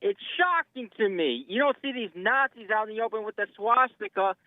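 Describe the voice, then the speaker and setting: A man from the Chicago area phones in to a call-in show, his voice thin and bassless down a tinny line. He sits high in pitch for a man, and the sound is dry and close. He talks bluntly and indignantly, swearing without a second thought. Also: animated, fairly quick, no room sound. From Chicago area, USA. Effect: thin phone voice with no bass. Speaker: caller. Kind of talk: call-in radio chat. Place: in a car, then on a handset.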